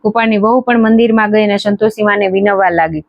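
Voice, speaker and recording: A woman storyteller reading a devotional folk tale in a measured, steady way. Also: medium pitch, no echo. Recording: dry, dull lo-fi recording.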